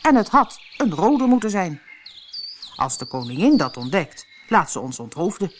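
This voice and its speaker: A woman's voice: lowish voice, very animated, moderate pace, a little hiss or hum. Woman voicing a stammering card gardener. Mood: anxious. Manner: stammering, with many hesitations. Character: nervous, servile male playing-card gardener.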